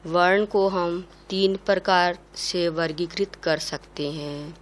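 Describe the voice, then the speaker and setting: A woman teaches a class at a very unhurried pace. Her voice sits a little low, and she says each sound separately and carefully, like a patient lesson. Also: little pitch movement.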